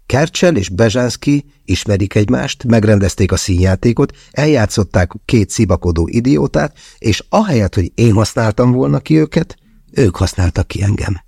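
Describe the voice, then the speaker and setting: Low, husky male audiobook narrator. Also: animated, mellow, no room sound, studio quality. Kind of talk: first-person thriller narration.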